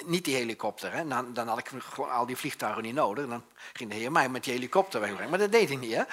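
A male preacher voicing the Lord as a calm, gentle, reassuring presence, in a husky voice. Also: mid-range voice, fast.

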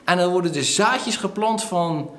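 A man preaching a sermon, retelling a story lively with acted-out quotes and frequent fillers. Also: sits high, a little slow, roomy sound. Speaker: pastor.

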